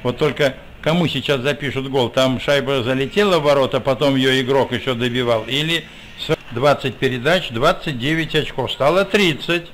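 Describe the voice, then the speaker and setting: A man of average pitch commentates informally on hockey. His phrases come in short, halting fragments. There is faint noise behind him. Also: fairly bright tone, low-quality recording.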